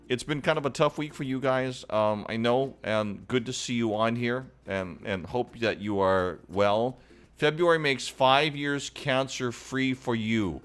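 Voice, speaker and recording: A man hosting a live-stream chat show, chatty and upbeat as he greets viewers. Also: medium pitch. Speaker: host.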